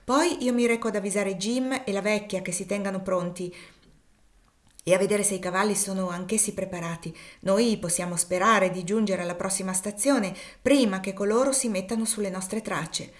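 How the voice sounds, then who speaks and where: A woman reading the part of a practical, seasoned male escort who talks in a brisk, reassuring way, in an audiobook. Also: mid-range voice, natural voice.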